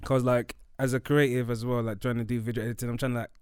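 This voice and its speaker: A young man with a London accent co-hosts in an informal, slangy style. His voice is smooth and clear, recorded close and dry. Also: medium pitch, level tone, fast, dry recording. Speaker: podcast co-host. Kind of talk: casual chat.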